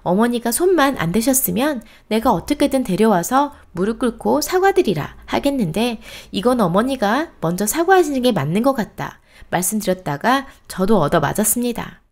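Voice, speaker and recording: A woman hosting a storytelling channel, reading a reader's post aloud in an expressive, steady cadence. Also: fairly high pitch, normal speed, few pauses.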